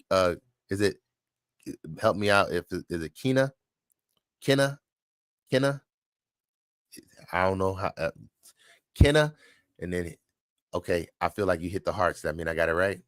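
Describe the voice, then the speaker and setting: He's the same laid-back livestream host fielding viewers' questions about training dogs, repeating himself as he explains. His lowish voice comes through in studio quality, with no room sound at all.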